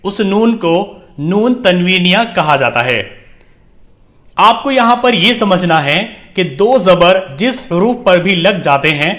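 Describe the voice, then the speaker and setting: A man teaching Quran reading, drilling letters one by one in slow, drawn-out recitation. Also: sits high, expressive, a bit bright. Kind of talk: recited alphabet lesson.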